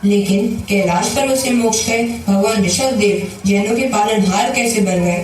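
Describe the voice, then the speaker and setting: A woman's voice: mid-range voice, normal speed, darkish tone. A woman giving formal, reverent stage narration at a school function, declamatory in delivery. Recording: echoey hall, voice from far off.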